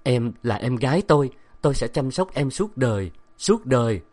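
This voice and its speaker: A man's voice: medium pitch, lively intonation, moderate pace, darkish tone, pitched above the performer's own voice, lightly acted. A man voicing a fragile, unstable middle-aged wife who mutters the same words over and over. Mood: dazed. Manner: repetitive, dazed muttering.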